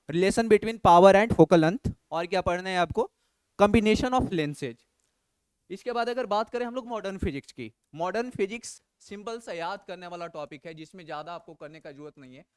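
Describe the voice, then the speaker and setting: Guy teacher going over exam physics topics, high clean voice, dry close sound, repeats stuff for emphasis. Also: darkish tone, clear, resonant tone, dry recording. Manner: emphatic, repeats key advice. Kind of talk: exam analysis lesson.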